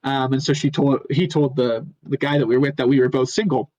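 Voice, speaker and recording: A young man on a podcast telling a long casual story, rambling and halting and chuckling often. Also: mid-range voice, steady tone, darkish tone, highs cut off. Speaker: podcast co-host.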